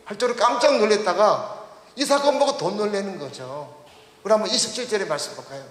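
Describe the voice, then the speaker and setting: A man with a high voice preaches a Sunday sermon in a church sanctuary, often pausing to put questions to the congregation and calling them to read the text aloud together. The sound comes back from the room with a long, roomy reverb. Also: lively intonation, a bit bright. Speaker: pastor. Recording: echoey church hall reverb.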